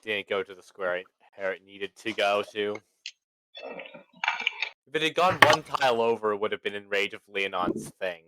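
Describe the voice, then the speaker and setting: A man's voice: lowish voice, animated, normal speed, bright, forceful tone, low-quality recording. A man playing a tabletop game, dry and precise about the rules. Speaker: player. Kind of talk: casual tabletop game chat.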